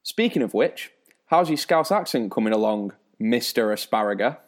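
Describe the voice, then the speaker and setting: A man's voice: fairly low pitch, expressive, normal speed. A man hosting a spoof football show, with a dry, teasing presenter delivery. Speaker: host.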